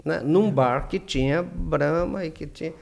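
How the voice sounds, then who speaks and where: A man's voice: fairly high pitch, unhurried, creaky. A Brazilian man speaking Brazilian Portuguese as an interview guest, rambling and often ending with tag questions. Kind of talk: casual interview chat.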